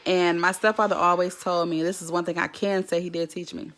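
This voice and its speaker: A woman's voice: fairly low pitch, flat delivery, brisk, fairly bright tone. Woman hosting a casual live chat, talks right to viewers and greets commenters. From Jackson, Mississippi. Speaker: livestream host.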